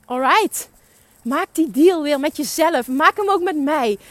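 A woman's voice: high-pitched, animated, measured pace, fairly bright tone, no echo. A young woman giving an emphatic, urging motivational monologue as a podcast host, swearing for emphasis. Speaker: podcast host and business coach.

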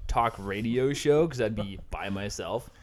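A man's voice: lowish voice, unhurried, a little hiss or hum. A man in his thirties, a podcast guest, chatting casually in a laid-back, rambling way with frequent laughs. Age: 30s. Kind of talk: casual chat.

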